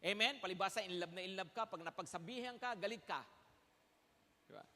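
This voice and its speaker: A man's voice: high-pitched, fairly quick, sharp tone. A man preaching a sermon as pastor, emphatic, calling out "Amen?" to the congregation and switching between Tagalog and English. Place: large church hall. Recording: long hall reverb.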